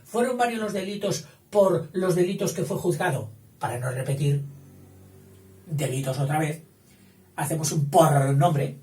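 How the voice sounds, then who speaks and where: A man's voice: a little high, darkish tone. A man teaching a grammar lesson, explaining patiently and checking in with a frequent "eh?". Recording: roomy echo, distant mic, faint hiss.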